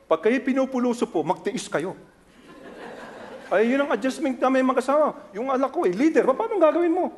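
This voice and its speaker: A Filipino man with a Filipino accent delivers a sermon as pastor. His voice sits high for a man. He is animated, dropping low for serious points and leaping up loud when he acts out what others say. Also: a little fast. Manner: animated, acts out quotes with sharp jumps in pitch and loudness.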